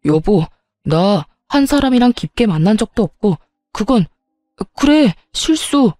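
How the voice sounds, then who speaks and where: A woman's voice: mid-range voice, very animated, unhurried, warm tone, no room sound, clean studio sound. A woman voicing a cheating husband who begs and makes excuses, with faint music behind. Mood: pleading. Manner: begging, making excuses. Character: pleading cheating husband, adult man.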